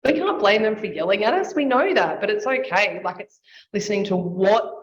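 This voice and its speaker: A woman's voice: medium pitch, lively intonation, a little fast. A woman explaining child sleep as an expert guest, laying out her points step by step. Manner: explanatory, sets out points in lists. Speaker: sleep and nutrition consultant. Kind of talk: expert explaining in casual interview. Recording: slightly dull audio with faint noise.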